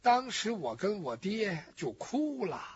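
A man voicing a grieving middle-aged mother who was abandoned by her husband, telling her story with a drawn-out lament. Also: sits high, very animated, heavily acted. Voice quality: very husky. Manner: lamenting, drawn-out sung-like phrasing. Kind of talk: storytelling performance in first person. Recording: dull lo-fi recording.

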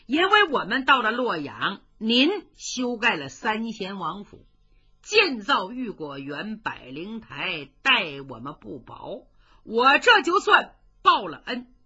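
A woman's voice: medium pitch, sing-song, sharp tone, husky, lo-fi sound, full character voice. A woman voicing a sly, boastful young male general in a told story, cocky and taunting. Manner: cocky, taunting, quick-talking.

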